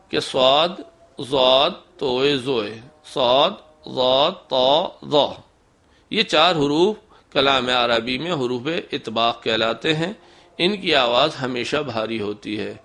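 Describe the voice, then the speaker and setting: A man teaching Quran recitation in a methodical lesson, slowly sounding out letters to show the differences between them. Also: medium pitch, pushed and bright. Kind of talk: instructional lesson.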